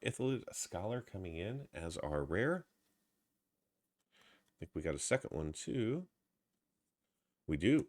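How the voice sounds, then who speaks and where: A man with a stuffy head cold opens trading card packs and comments casually, reading out the card names with low energy.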